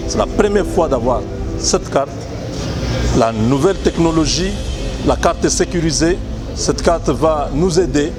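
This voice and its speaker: A man in his forties from the Congo gives an emphatic, somewhat high-pitched street statement, circling back to his points with conviction. Background music plays clearly under his voice outdoors in a city street. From Congo (DRC). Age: 40s. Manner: emphatic, repetitive, patriotic speech-making. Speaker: citizen interviewed on new ID card.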